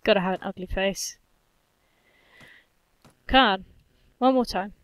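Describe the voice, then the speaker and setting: A woman's voice: medium pitch, takes it slowly, clean tone, no echo. A woman giving casual gameplay commentary, playful, cheerfully swearing and humming to herself. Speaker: gaming channel host.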